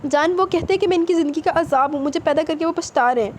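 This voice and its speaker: Woman doing a crying young girl begging, high pitch, light hiss behind. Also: darkish tone. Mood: sobbing. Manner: sobbing, pleading. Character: heartbroken young woman, the heroine.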